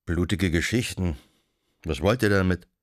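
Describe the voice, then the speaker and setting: A man's voice: deep voice, normal speed, no echo, close to an everyday voice. A man reading an audiobook voices a weathered one-handed soldier, speaking in a dry, terse, wry manner. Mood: gentle.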